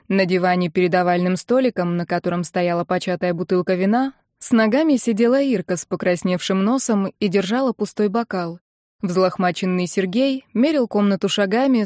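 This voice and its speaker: A woman reads an audiobook with expressive, scripted narration at a middle pitch. The recording is dry and close, with no room sound. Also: no room sound.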